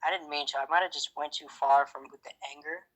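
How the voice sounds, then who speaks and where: Guy with a bright tense voice doing game roleplay, lots of um and kinda, halting. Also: a little high, fairly even intonation, poor audio. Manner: hesitant, halting, full of fillers. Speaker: roleplay player. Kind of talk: voicing a character in a game roleplay.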